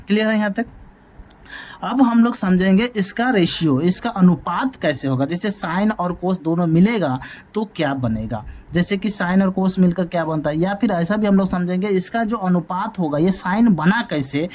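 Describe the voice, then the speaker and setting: A man's voice: sits high, darkish tone. A male math teacher giving a classroom lecture, often asking a question and then answering it himself. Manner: drills points by asking and answering his own questions.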